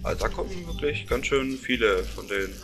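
Guy doing offhand let's play commentary, mid pitch, takes his time, game music going. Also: lively intonation, moderate pace. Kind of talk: casual gameplay commentary.

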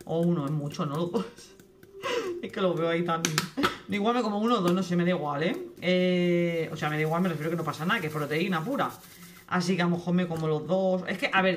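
A young woman vlogging casually from her home kitchen, talking quickly and cutting herself off mid-sentence. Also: lowish voice, slight background noise. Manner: fast, chatty, self-interrupting. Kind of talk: casual kitchen vlog chat. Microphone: camera on tripod.

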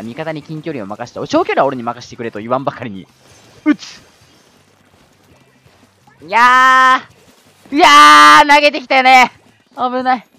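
A man giving live commentary over his own gameplay, excitable, yelling at tense moments and adding self-mocking asides. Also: fairly high pitch.

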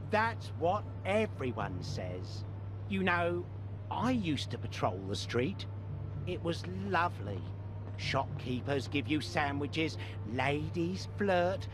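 A man's voice: a little high, lively intonation, slow, over music, poor audio. A man with a British accent playing a smug, self-pitying demoted constable in a video game. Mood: wistful, self-pitying. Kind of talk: video game character acting.

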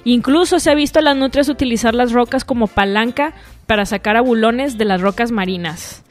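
Young mexican lady hosting a radio show, chatty and crude, kinda high voice, quiet music behind her. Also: fairly quick. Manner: slangy, swears a lot, chatty. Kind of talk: casual solo radio talk. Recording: music playing faintly behind.

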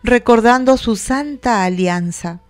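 A woman reading prayers and responses in a measured, solemn liturgical recitation. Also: on the high side, darkish tone, soft background music. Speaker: prayer reader giving responses.

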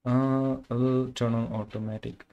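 Speaking at a normal speed in a level, mid-range voice, this young Kerala native talks casually to his game-stream audience with fillers and loose phrasing. His Indian accent reflects his first language, Malayalam. The tone is clear and resonant, though the condenser-mic recording sounds muffled.

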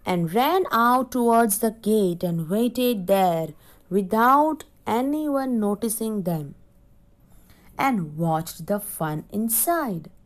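Slow, patient woman teacher explaining words. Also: a little high. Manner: slow and explanatory, stops to define words for children. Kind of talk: reading a story aloud in an English lesson.

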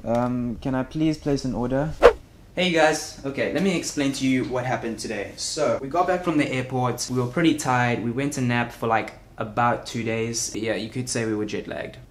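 A man's voice: mid-range voice, moderate pace, slight background noise. A young man vlogging casually to a handheld camera, rambling and stumbling over his words, joking as he goes. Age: young adult. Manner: rambling, self-interrupting, playful. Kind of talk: casual travel vlog. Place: hotel room and outdoors, handheld. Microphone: camera mic at arm's length.

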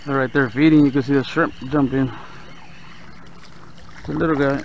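A man with a South Texas accent giving relaxed running commentary while fishing from a kayak on open bay water, talking to the fish and his viewers. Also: mid-range voice, moderate pace. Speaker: fishing vlogger. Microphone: action camera on the kayak. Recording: dull outdoor camera audio with faint water noise.

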